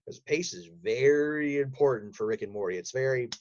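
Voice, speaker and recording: A man guesting on a podcast, a voice actor who also writes audio dramas, tells detailed, enthusiastic stories in a casual interview. His mid-range voice has lively intonation and a moderate pace, and the lo-fi recording has a noisy background.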